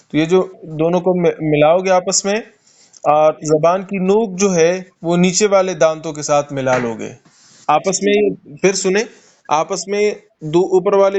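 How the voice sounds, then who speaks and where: A man with a Pakistani Urdu accent teaches Quran recitation in an online class. His voice sits high, and he patiently stretches out letter sounds, repeating them so a student can copy. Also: a little mellow, muffled recording. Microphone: online call.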